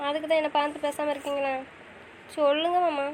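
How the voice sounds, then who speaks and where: A woman's voice: high voice, little pitch movement, fast, slight background noise, low-quality recording. A woman playing a wife in an audio drama, pleading and pressing with questions. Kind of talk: casual audio drama acting.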